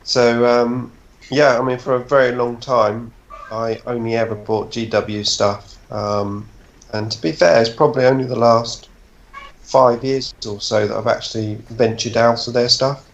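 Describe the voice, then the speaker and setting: Gravelly guy, kinda hesitant, muffled lo-fi audio. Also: mid-range voice, fairly even intonation, measured pace, slight background noise. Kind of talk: casual chat.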